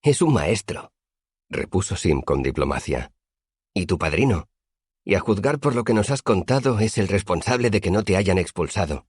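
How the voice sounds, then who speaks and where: A man voicing an earnest young male student who speaks bluntly and heatedly in an audiobook, with a husky voice. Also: deep voice, lively intonation, normal speed, darkish tone, dry recording, clean studio sound, pitched above the performer's own voice. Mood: wry. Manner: heated, complaining.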